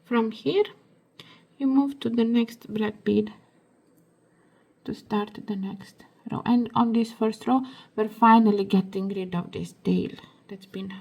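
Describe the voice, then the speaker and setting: Hoarse slow-talking woman teaching beading. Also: medium pitch. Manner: soft, slow, half-whispered while working. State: hoarse, losing her voice. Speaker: beading tutorial host. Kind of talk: step-by-step craft instruction.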